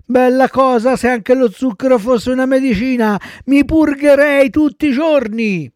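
A man voicing a stubborn, whiny wooden puppet boy in a shrill, pleading high voice. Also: measured pace, a little mellow, dry recording, studio quality.

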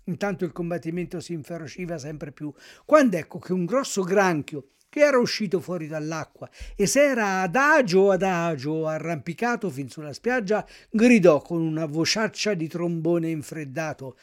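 A man reading a classic children's tale aloud as narrator, in an expressive storytelling manner. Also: fairly high pitch, moderate pace, few pauses.

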